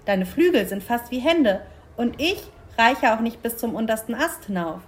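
A woman voicing a calm, stubborn mother cow in a children's picture book, asking gently for help. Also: on the high side, normal speed, slight background noise, natural voice. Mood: pleading. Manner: pleading, gentle.

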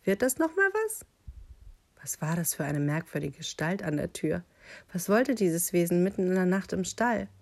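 A woman reading a children's picture book aloud, with calm, deliberate storytelling. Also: on the low side, gravelly.

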